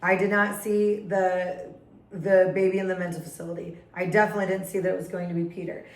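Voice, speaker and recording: A woman's voice: on the low side, reverberant, poor audio. Giggly woman chatting about a book. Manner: giggly, animated, quick bursts. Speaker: podcast co-host. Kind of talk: casual book-club chat.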